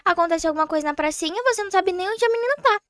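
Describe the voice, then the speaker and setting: A woman's voice: very high-pitched, very fast, fairly bright tone, dry recording. A woman voicing an honest, worried teenage girl in a game roleplay, rambling with lots of fillers. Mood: earnest. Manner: chatty, rambling with many fillers. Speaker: roleplay player.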